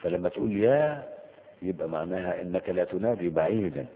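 This low-pitched, expressive man speaks fairly quickly, his Egyptian Arabic accent carried through big-room acoustics and phone-quality sound. In a colloquial grammar lecture quoting the Quran, he asks questions and supplies the answers himself.

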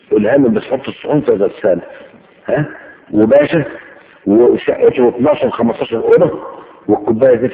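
A man preaching in colloquial Egyptian Arabic, telling anecdotes and reciting verses slowly for emphasis. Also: creaky, phone-quality sound, slight background noise. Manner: animated storytelling, swings between loud emphasis and low asides, recites verses slowly.

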